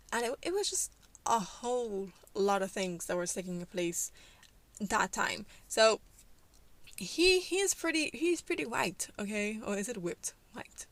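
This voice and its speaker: A woman's voice: medium pitch, a bit bright, dry recording. A woman YouTuber casually narrating a life-sim game story, chatty, with lots of fillers and easy laughs.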